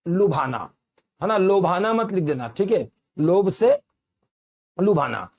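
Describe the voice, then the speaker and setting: Male Hindi grammar teacher from Uttar Pradesh, high voice, quizzes the class and repeats key words. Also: wildly swooping pitch, a little slow, darkish tone, breathy edge. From Uttar Pradesh, India. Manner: addresses students as beta, repeats quiz questions.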